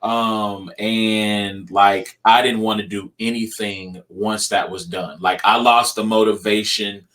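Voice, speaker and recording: Young male podcast host, loose rambling delivery, bright and forceful tone. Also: lowish voice, fairly even intonation, takes it slowly, few pauses. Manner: loose and rambling, many ums. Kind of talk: casual podcast chat.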